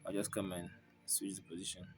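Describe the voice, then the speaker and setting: A man's voice: sits low, flat delivery, brisk, faint music behind, poor audio. A man walking through a graphic design tutorial over a screen recording, narrating each step plainly as he works and thinking aloud.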